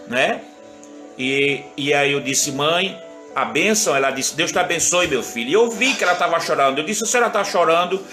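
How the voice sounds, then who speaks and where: High bright-voiced pastor in an echoey room. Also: male voice. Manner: earnest, speaks tenderly, greets viewers by name mid-sermon. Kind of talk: live-streamed sermon with personal testimony.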